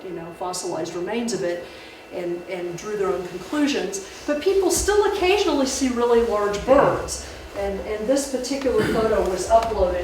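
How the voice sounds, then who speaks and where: A woman giving a public talk on folklore in a library room, speaking conversationally with many restarts. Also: medium pitch. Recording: echoey room, distant mic, background noise.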